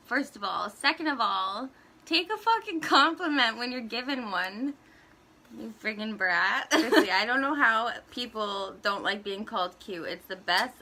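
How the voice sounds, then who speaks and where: A young woman talks straight to her camera in a blunt, casual rant, counting down her list and swearing freely. Her voice sits a little high and sounds bright and sharp. She laughs between points as she goes. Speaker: vlogger.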